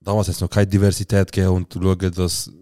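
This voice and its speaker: A man's voice: low voice, level tone, dark tone, dry recording, studio quality. A man with a Swiss German accent, co-hosting a podcast and telling stories in casual, slangy chat. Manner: storytelling, slangy, quick. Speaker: podcast co-host. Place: podcast studio.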